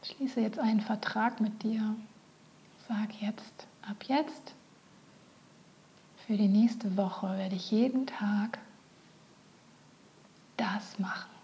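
A woman leading a guided meditation, speaking softly and often in a whisper. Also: medium pitch, steady tone, gravelly. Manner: slow, soft, often whispered.

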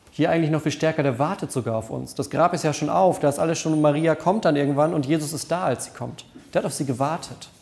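A man's voice: a little high, gravelly, darkish tone. Earnest man preaching a sermon. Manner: earnest, conversational preaching with repeated phrases. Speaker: pastor. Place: church service.

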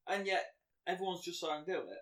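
A man bantering on a podcast with a high, lively voice. His tone is bright and sharp, and he chimes in with quick jokes. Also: roomy sound. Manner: quick jokey interjections, laughs a lot. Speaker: podcast co-host. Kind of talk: casual banter.

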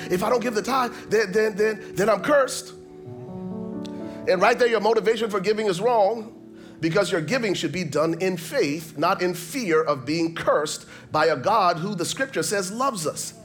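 A male pastor preaches in a slightly raised voice, emphatic and rhythmic. He often repeats words and lines them up in pairs for effect. Faint music plays quietly behind his sermon. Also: high-pitched, moderate pace. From Liberia.

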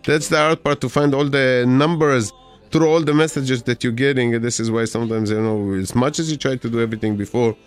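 A man's voice: mid-range voice, fairly even intonation, brisk, clean tone. Male radio host over background music. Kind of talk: casual community radio announcements.

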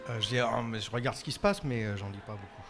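A man guest on a live podcast panel, answering quietly, hesitantly and briefly. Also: on the low side, fast, music in the background. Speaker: guest comic author. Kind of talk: casual panel chat. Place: live stage before an audience.

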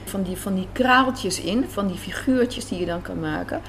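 A woman talks casually in a café interview about being a writer, musing aloud and repeating phrases to stress them. She sounds animated and fairly bright, with a medium pitch and moderate pace. There's a faint hum of café noise behind her.

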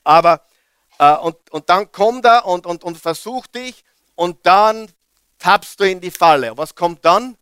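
Give me a man preaching, lively and talking to the congregation, with a smooth, clear voice. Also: sits high, a little slow, no room sound, studio quality. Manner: lively, questions the congregation, jokes. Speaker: pastor. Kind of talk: sermon.

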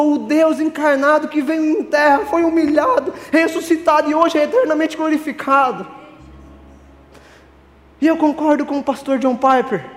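An earnest male preacher with a notably high voice delivers a sermon and stresses key lines with emphasis. His voice carries a long hall reverb, with faint music underneath.

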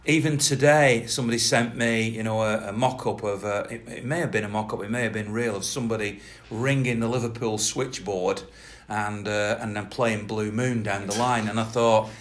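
A man's voice: on the low side, fairly even intonation, normal speed, few pauses, a little hiss or hum. Man hosting a football podcast. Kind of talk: casual podcast presenting.

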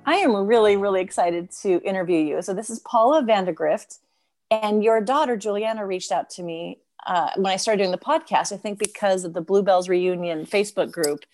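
Here the podcast host, once a dancer, sounds brisk and a little mellow in a mid-range register. It's a relaxed remote interview in which she stays enthusiastic and bubbly, rambles somewhat, and apologizes as her questions come out.

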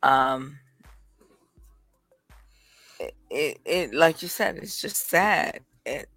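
A podcast co-host talks casually in a bright, forward voice with noticeable creak. The phrasing is slow and halting, recorded very dry. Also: mid-range voice, expressive, dry recording, soft background music.

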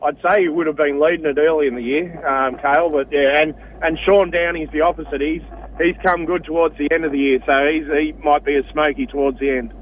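An Australian man chatting casually as a radio interview guest, laid-back and matey with a halting delivery. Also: fairly high pitch, steady tone. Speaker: cricket association president, interview guest. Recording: dull lo-fi line, faint noise.

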